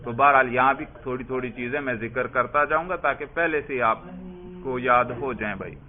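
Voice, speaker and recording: Male grammar teacher, mid-pitched, prods students with questions, says brother a lot; tinny lo-fi sound. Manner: quizzing, prompting students for answers; addresses listeners as brother. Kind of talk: classroom lesson with questions to students. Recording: tinny phone-like lo-fi recording.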